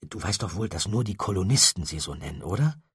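A wry teenage boy explorer, as a man reads him in an audiobook, talking low and hushed with a husky edge. His voice sits a bit higher than the narrator's, in a dry, close recording. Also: lively intonation, fast, no echo, exaggerated voice. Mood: teasing. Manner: muted, wry explanations.

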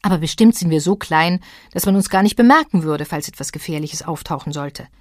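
A woman voicing a calm, caring mother troll from a storybook, speaking soothingly. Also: deep voice, fairly quick, no room sound, clean studio sound, natural voice.

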